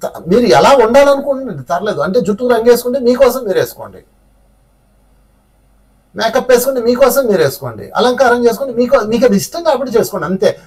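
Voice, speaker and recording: A man's voice: extremely high pitch, big pitch swings, quick pace, darkish tone, husky, distant mic. A man teaching a spiritual class, telling stories in a conversational way and asking his listeners rhetorical questions.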